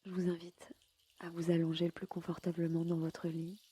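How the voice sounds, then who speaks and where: A woman leading a guided yoga nidra sleep meditation in a slow, soft and soothing way. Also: lowish voice, completely flat delivery, husky.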